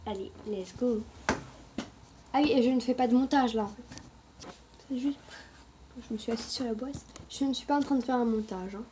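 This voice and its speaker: A woman chatting casually through a makeup review, hesitant and quick to apologize, recorded on a camera mic at home. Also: on the high side, dark tone, a little hiss or hum. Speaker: beauty vlogger.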